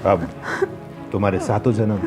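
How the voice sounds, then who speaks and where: An actor playing a man who holds his young wife captive, coaxing and softly menacing in a crime drama. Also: lowish voice, steady tone, moderate pace, lightly acted. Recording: music playing under the voice.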